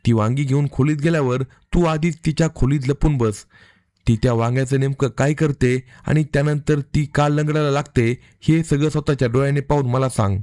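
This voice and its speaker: A man reading the part of a worried, suspicious young man in a narrated story, in an earnest, steady voice. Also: medium pitch, brisk, no room sound, clean studio sound, close to an everyday voice.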